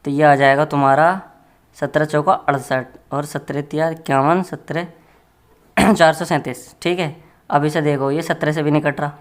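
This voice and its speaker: A man's voice: a little high, level tone, moderate pace. Guy tutor running a maths class, jokey and chatty, talks to students like buddies. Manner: chatty and joking, addressing students as friends. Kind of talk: casual classroom lesson.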